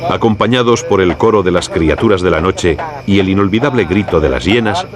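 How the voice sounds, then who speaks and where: A man with a Castilian Spanish accent reads scripted nature documentary narration in a measured, formal storytelling way. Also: deep voice, expressive, a crowd in the background. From Spain. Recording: clear background noise with insect ambience.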